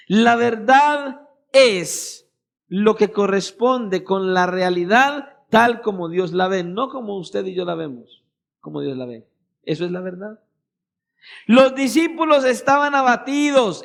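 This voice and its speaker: A Colombian-accented pastor preaches in a very high voice. He presses his points with rhetorical questions and repeats key phrases for emphasis. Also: fairly bright tone. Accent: Colombian Spanish. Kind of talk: sermon. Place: church meeting hall.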